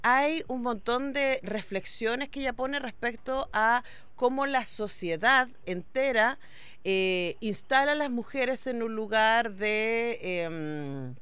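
A woman hosts a radio interview and asks long, thoughtful questions. Her voice is bright and crisp, with a smooth, clear tone. It is recorded close and dry in a studio. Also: fairly high pitch, slow, no room sound. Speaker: radio host.

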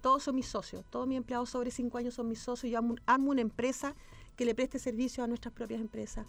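Fast, high-voiced Chilean woman storyteller. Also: level tone, vocal fry. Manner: acts out quoted speech, repeats words for emphasis. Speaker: guest businesswoman. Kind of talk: animated personal storytelling.

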